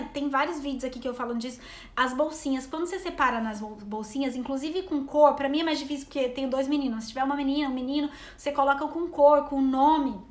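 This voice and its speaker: Fast-talking high-voiced Brazilian woman. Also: roomy sound. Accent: Brazilian Portuguese. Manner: chatty, rambling, reading out comments. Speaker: travel vlogger and mother. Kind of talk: casual live-stream chat with viewers.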